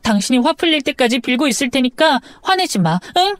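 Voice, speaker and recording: Casting: woman voicing flustered young wife, stammering, pleading, fairly high voice, dry recording. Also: expressive, normal speed, no echo. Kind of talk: drama audio story.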